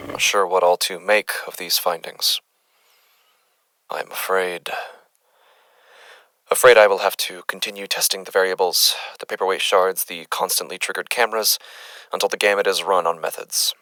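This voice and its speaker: A man's voice: deep voice, steady tone, normal speed, pauses often, bright, forceful tone, dry recording. A man playing an uneasy, methodical doctor who records case findings formally and hesitantly in a horror audio drama. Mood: uneasy, resolute.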